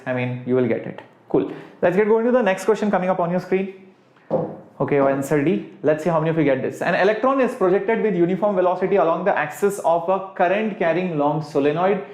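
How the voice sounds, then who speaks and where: A man's voice: high voice, expressive, fairly quick, darkish tone. Indian-accented man teaching, echoey room. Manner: informal, step-by-step explaining with rhetorical questions. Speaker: physics teacher. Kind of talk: live online exam-prep lesson.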